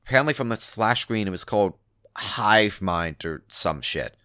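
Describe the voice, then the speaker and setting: Male narrator for an internet horror read, lowish forceful voice, conversational and emphatic, dry sound. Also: animated, moderate pace, clear, resonant tone, no echo. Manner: casual, sweary, emphatic. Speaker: narrator reading a written forum post aloud. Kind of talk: dramatic reading of an internet horror story, conversational first-person narration.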